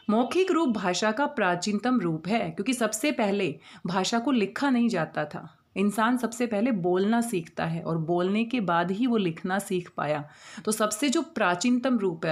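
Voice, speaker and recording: A woman teaching a grammar lesson to children, asking questions and answering them herself, and spelling words out syllable by syllable. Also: medium pitch. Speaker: Hindi teacher. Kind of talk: classroom lesson.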